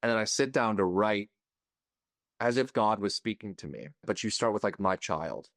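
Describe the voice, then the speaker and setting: Podcast guest, man, low voice, dry close sound, candid and searching. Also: normal speed, a bit bright, no echo. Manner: candid, searching, a little emotional. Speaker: podcast guest, party coach.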